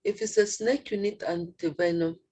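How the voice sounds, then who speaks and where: Husky, lower-voiced woman student. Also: fairly even intonation, moderate pace, dark tone, dry recording. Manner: short answers. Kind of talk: answering in class. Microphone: video call.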